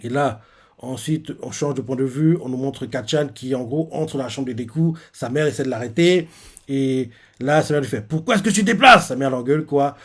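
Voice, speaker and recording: A man's voice: mid-range voice, normal speed, a little mellow. Chatty French man recapping a manga. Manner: loose, filler-heavy storytelling with many asides. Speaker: manga reaction host. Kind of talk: casual retelling of a manga chapter.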